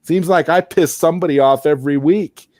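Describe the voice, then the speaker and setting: A man's voice: fairly high pitch, a little fast, a little mellow, no room sound, studio quality. A man hosting a casual late-night live stream, rambling and restarting his sentences as he talks into a headset. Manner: rambling, repeats words and restarts often. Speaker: host.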